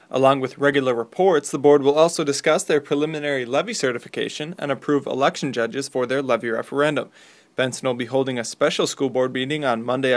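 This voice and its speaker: A man with an American accent reading scripted local news as a radio newsreader. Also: medium pitch.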